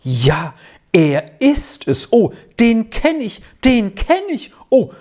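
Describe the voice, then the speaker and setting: A reader voicing an excitable old village woman who cries out high and shrill with drawn-out exclamations. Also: creaky. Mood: overjoyed. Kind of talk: audiobook character voice.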